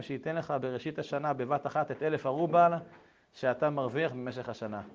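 Animated man teaching Torah. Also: a little high. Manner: animated, shifts between reading texts and telling anecdotes. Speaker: Torah lecturer. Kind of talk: lively Torah lesson with personal stories. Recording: dull lo-fi recording.

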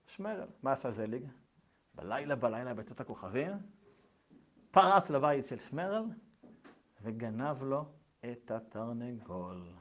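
A man preaching a sermon, telling a story in a lively way with colloquial asides. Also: a little high, lo-fi sound.

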